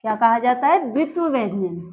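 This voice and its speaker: A woman with a high voice teaches a grammar lesson, patiently explaining each point and asking questions that she answers herself. The recording sounds dull and lo-fi. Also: very animated, brisk, a little hiss or hum. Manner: explains step by step, asks questions and answers them.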